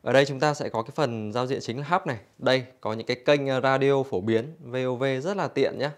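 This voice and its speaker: A man's voice: mid-range voice, quick pace. A man giving an infomercial-like product demonstration for a store, explaining conversationally to customers.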